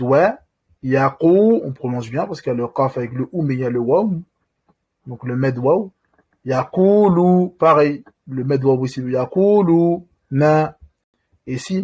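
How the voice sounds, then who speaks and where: A man gives a recorded reading lesson in a slightly raised, husky voice. He works through each point patiently, step by step. He stretches out the vowels slowly to show how each word should be said. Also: a little high, darkish tone. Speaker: Arabic reading teacher.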